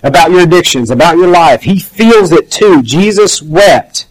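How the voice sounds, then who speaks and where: Conversational preacher, fairly high male voice. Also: lively intonation, moderate pace, low-quality recording. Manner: conversational, acts out quoted voices. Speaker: pastor. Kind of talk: sermon.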